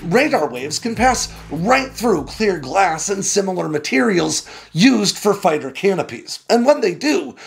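Lively, gravelly man narrating an explainer. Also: high-pitched. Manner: lively, conversational, emphatic delivery. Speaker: host of a defense news channel.

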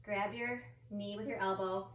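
A woman's voice: mid-range voice, steady tone, moderate pace, fairly bright tone, reverberant, recorded from a distance, a little hiss or hum, low-quality recording. A woman leading a family yoga class, calling out step-by-step cues and countdowns in an encouraging, playful way. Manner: playful with her child. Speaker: yoga instructor. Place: indoor room with a mirror and mat or carpet.

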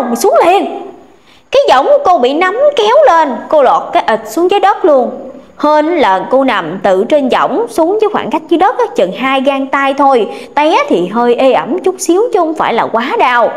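Lady spinning a ghost tale, chatty and dramatic, swoops all over. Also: high voice. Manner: animated, colloquial, dramatic. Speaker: ghost story narrator. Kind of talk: storytelling.

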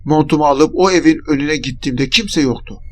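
Brief: male storyteller, fairly high voice, dramatic first-person horror narration. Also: brisk, faint music behind.

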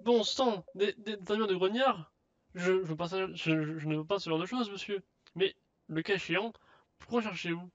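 Un homme qui lit à voix haute les répliques d'un vieux marchand rusé de jeu vidéo, lentement et en butant. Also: male voice, high-pitched, steady tone, fairly bright tone, dull audio, slight background noise. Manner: slow, stumbling reading. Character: old male merchant, shifty and fussy. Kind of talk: reading game dialogue aloud.

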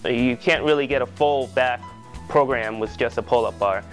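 A man's voice: medium pitch, moderate pace, soft background music. A man giving a testimonial, hesitant and full of fillers. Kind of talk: testimonial interview.

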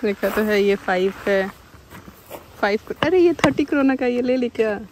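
A woman's voice: on the high side, animated, moderate pace. A woman in her thirties chatting casually to the viewer in a travel vlog, recorded outdoors on a phone at arm's length. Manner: chatty, explaining plans to the viewer. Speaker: vlogger. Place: outdoors in a windy town and lakeside. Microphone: phone camera held at arm's length. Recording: outdoor noise behind the voice.

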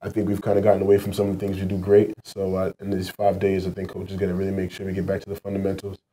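Young man, quick flat postgame talk. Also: poor audio. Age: young adult. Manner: low-key, fillers like um and uh. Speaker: college basketball player. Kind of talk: postgame interview answers. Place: press room in front of a team backdrop.

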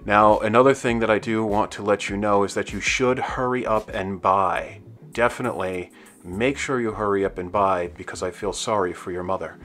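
A deep-voiced middle-aged man narrates as he walks through an empty outdoor parking lot, recording on a handheld camera. He speaks in a loose, rambling, chatty way, dropping shout-outs as he goes. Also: steady tone, moderate pace. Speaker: dead mall video host. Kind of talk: walking tour commentary. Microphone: handheld camera, filming as he walks.

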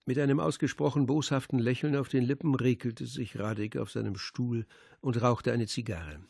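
Gravelly male audiobook narrator. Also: medium pitch, normal speed, darkish tone, dry recording. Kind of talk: scripted narration.

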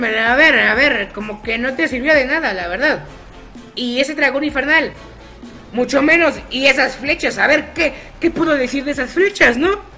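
A man's voice: very high voice, pushed and bright. A man commenting on his own gameplay, chatty and teasing his opponents by name. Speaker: gaming YouTuber.

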